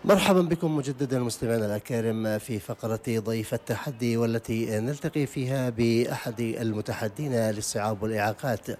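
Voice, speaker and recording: A man's voice: mid-range voice, quick pace, few pauses, a little mellow, soft background music. A Yemeni man hosting a radio interview in an outdoor market, moving from formal welcomes to patient, repeated questions. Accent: Yemeni Arabic. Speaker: radio host.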